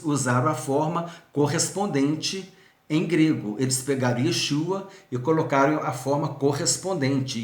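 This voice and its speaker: A man gives a recorded seminary lesson, explaining step by step and often circling back to restate a point. He speaks directly to the viewer in a slightly high voice. The room around him echoes. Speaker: seminary teacher.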